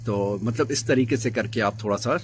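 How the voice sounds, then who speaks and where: Man, low voice, relaxed advice-giving vlog tone, slight background hum. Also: normal speed. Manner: relaxed, mixes in English words, many "jo hai" fillers. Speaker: vlogger advising overseas health workers. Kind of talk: casual advice talk.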